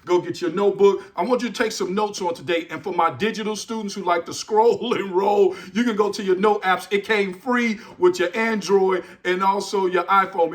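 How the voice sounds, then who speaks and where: A middle-aged man hosting a motivational podcast, speaking in a preacherly style that repeats phrases and builds up to shouts. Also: high-pitched. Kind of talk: motivational speech.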